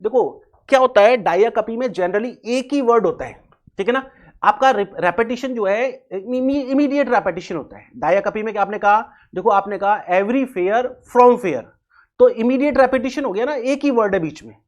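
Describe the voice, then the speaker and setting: A man's voice: high-pitched, normal speed. A man giving an exam-prep English lesson. He mixes Hindi with English terms, explains step by step, repeats key terms and spells words letter by letter. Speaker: English teacher. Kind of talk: exam-prep video lecture.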